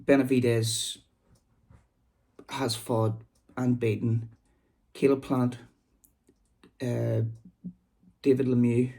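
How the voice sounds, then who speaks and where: Gravelly, mellow Belfast man chatting casually. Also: medium pitch, level tone, slow pace, pauses often. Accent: Belfast, Northern Irish. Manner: rambling, informal. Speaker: boxing vlog host. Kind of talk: casual chatty commentary to camera. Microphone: phone.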